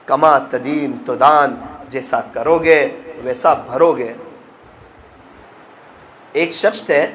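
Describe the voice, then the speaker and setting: Emotional male preacher, higher voice. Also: slight background noise. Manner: emotional, acts out quoted voices with rising pitch. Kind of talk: sermon with storytelling.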